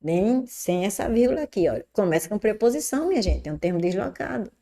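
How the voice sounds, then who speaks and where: Woman, Portuguese teacher, warm mellow tone, lively lecturing with rhetorical questions. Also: mid-range voice, fast. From Brazil. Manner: chatty, lively, asks and answers her own questions. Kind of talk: exam-correction lesson.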